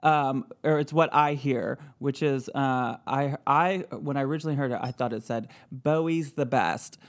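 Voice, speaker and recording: A woman hosting a podcast in a casual chat, talking in an animated way with frequent fillers and little excited exclamations. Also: a bass voice, normal speed. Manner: chatty, animated, with many fillers and little squeals. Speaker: podcast host.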